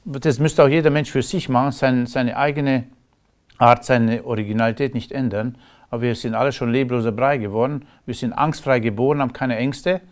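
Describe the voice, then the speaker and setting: A man's voice: mid-range voice, fairly even intonation, a little fast. A middle-aged man from Romania with a Romanian accent, a guest in a casual interview, talking in long emphatic runs and laughing between remarks.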